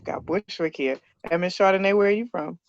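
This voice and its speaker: A woman's voice: lowish voice, fairly quick, no room sound. Upbeat woman hosting a video call. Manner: upbeat, casual and encouraging. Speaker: program coordinator. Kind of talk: welcoming students on a video call. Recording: muffled video-call audio.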